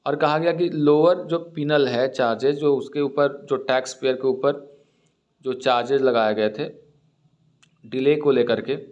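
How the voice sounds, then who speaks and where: A man with an Indian accent, speaking as a teacher at a mid pitch. He reads English sentences out slowly and deliberately, then explains the words in conversational Hindi. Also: darkish tone, lo-fi sound.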